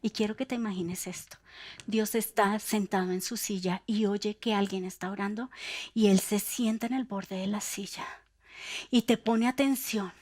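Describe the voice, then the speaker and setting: A woman preacher, delivering a sermon in a lively storytelling way, often dropping into a whisper. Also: medium pitch, normal speed.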